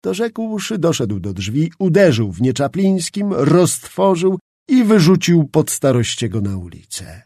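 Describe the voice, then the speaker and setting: A man's voice: fairly high pitch, sing-song, measured pace, dark tone, dry recording, studio quality. A man narrating a historical novel as an audiobook, reading expressively.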